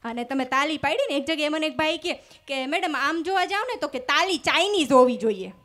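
High-voiced woman doing stand-up comedy. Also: animated, a little fast, a bit bright. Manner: storytelling with acted-out dialogue and punchlines. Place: stage before a live audience. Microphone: stage microphone.

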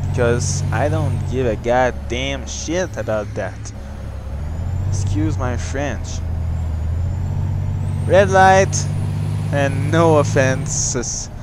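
A man's voice: mid-range voice, very noisy. A young man casually commenting on his truck-driving gameplay, rambling playfully and talking to the game as he drives. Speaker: gaming channel host.

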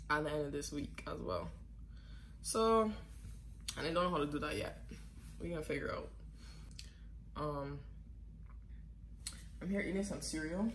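A young woman vlogging at home, talking loosely and upbeat with plenty of "like"s. Her voice sits a little low, and a faint ambient hum runs under it. The sound is a phone camera held at arm's length in a small apartment. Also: fairly bright tone. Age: young adult. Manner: chatty, filler-heavy, upbeat. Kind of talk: casual vlog chat to camera.

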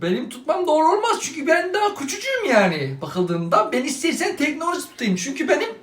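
A man in his twenties playing a lazy gamer son who is excitable while gaming and sheepish and evasive with his father. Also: very high-pitched, quick pace, voice pushed up, heavily acted. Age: 20s. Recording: echoey room, faint music behind.

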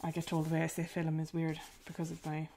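A woman's voice: deep voice, completely flat delivery, fast talker, mellow, slight background noise. A woman with a rural Irish accent chatting casually and self-deprecatingly while she paints on a livestream, with lots of filler words. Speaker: artist hosting a painting livestream.

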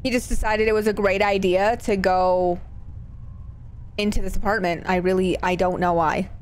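Her voice is medium in pitch, fairly even in intonation, moderately paced, and smooth. She's a woman streamer giving casual live commentary on a horror game, nervous and scared yet playful, with sweary exclamations and jokey asides.

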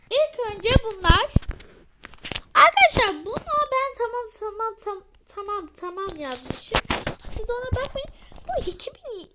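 A young girl with a very high, sharp and bright voice hosts a casual game vlog. She rambles and chats with lots of fillers. She talks loudly on purpose. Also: a little hiss or hum. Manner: chatty, rambling, many fillers. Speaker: channel host.

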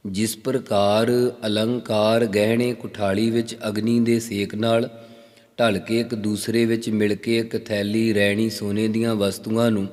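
A man giving line-by-line commentary on scripture. He chants each verse slowly and then explains it word by word. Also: on the low side, a little mellow, in a large hall.

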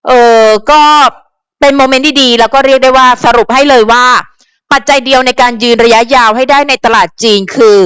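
A woman's voice: high voice, a bit bright, clear, resonant tone, no room sound. A woman hosting a casual commentary channel, talking straight to viewers in a chatty, advisory way with lots of fillers and repeated words. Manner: chatty, frequent fillers and repetitions; advisory, talks directly to viewers. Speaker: channel host commenting on celebrity news.

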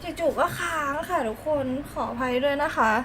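Bright, high-voiced chatty woman streamer. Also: moderate pace, slight background noise. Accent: Northern Thai. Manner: chatty and animated, many fillers and restarts. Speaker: game streamer. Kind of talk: casual live-stream chat.

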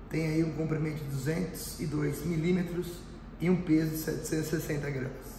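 An airsoft shop reviewer, a middle-aged man with a Brazilian accent, demonstrates a product in a fairly high-pitched, thin, cracked and reedy voice. He keeps it informal and explanatory, frequently tossing in tag questions. The audio, captured in the indoor shop and its small range room, has a roomy echo and faint background noise.

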